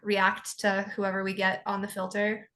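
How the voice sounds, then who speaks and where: A woman's voice: mid-range voice, monotone, moderate pace, bright, forceful tone. A woman in a casual chat on a video call, playful and joking. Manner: playful, jokey.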